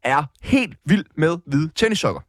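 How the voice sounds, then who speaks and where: This man co-hosts a casual podcast with a fairly high voice. He tells his stories with lively animation, and his voice jumps up sharply at the punchlines. The sound is dry and close to the mic. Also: dry recording. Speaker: podcast co-host. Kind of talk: casual comedic chat.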